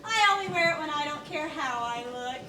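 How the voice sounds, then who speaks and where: Coy flirt, very high, echoey stage. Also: female voice, expressive, brisk. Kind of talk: community theatre stage acting. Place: theatre stage, picked up from far off. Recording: distant echoey stage recording, clear noise.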